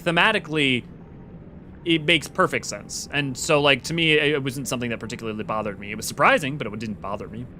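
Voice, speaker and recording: Male livestream host, lively pitch swings, bright voice, excitable rambling, reads chat aloud. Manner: excitable, rambling, quick restarts. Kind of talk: casual livestream chat reading viewer comments.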